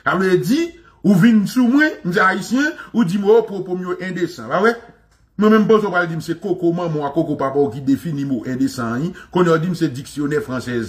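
A Haitian man with a fairly high voice gives an impassioned commentary. He mocks, repeats himself and laughs as he goes, in a lively, hard-pushing delivery. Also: normal speed. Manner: animated, mocking, repetitive, laughing. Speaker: show host.

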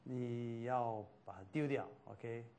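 A man leads a faith class at an unhurried pace, circling back on his points and sprinkling in English fillers. His pitch sits mid-range. A faint hum of room ambience runs underneath. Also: a little mellow. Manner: loose, repetitive, mixing in English fillers. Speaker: teacher.

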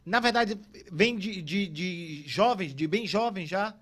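A man's voice: sits high, animated, slow, a bit bright. A man hosting a podcast, asking questions casually and greeting the viewers watching live. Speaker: podcast host. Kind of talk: casual interview talk.

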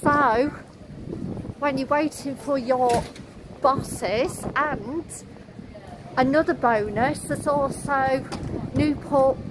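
A woman, chatting slowly as she points out shops on a walking tour, recorded outdoors on a camera mic. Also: high voice. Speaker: vlogger. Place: outdoors on town streets. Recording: loud wind and traffic noise.

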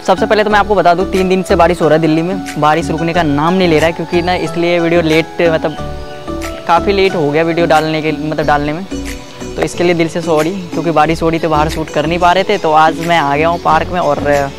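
A man's voice: a little high, steady tone, fast, over music. A young man hosting a prank vlog outdoors in a park, talking casually and rambling with lots of fillers. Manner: chatty, rambling with many fillers. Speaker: prank vlogger.

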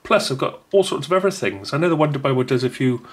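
This man talks fast, at medium pitch with lively intonation. He reviews a little gadget at home in a chatty, rambling unboxing style, often starting his sentences over.

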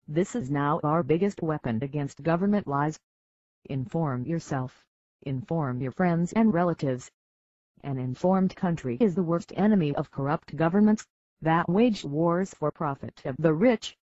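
A synthetic narrator of indeterminate sex reads a scripted activist statement. The delivery is formal and measured, in flat declarations at a middle pitch. The audio is dull and lo-fi, with a dry, close sound. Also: no echo. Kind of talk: scripted announcement.

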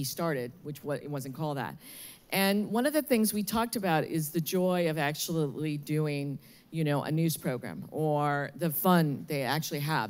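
A middle-aged woman speaks on a panel stage with a notably low voice. She sounds upbeat and candid. She talks into a handheld mic. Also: a little mellow. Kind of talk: panel discussion. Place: large atrium stage with audience.

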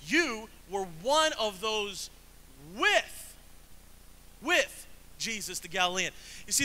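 A male pastor preaching a sermon in a lively, conversational way, with casual slang and acted-out quoted voices. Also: slight background noise, low-quality recording. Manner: acts out quoted voices with big pitch jumps.

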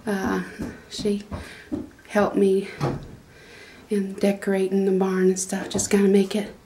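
A middle-aged woman speaks slowly and in a monotone, mid-range voice as she tours her small wooden goat barn. Filmed on a handheld phone camera over a noisy background, her homespun, rambling narration has many fillers and restarts.

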